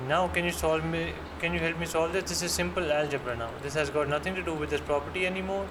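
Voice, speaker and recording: A man's voice: a little high, fairly even intonation, fast talker. Pakistani-accented man tutoring over noisy audio. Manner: encouraging, step-by-step questioning. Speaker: maths tutor. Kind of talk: interactive one-to-one lesson. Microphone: computer mic on online screen-share call. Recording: noisy online lesson audio, background hum.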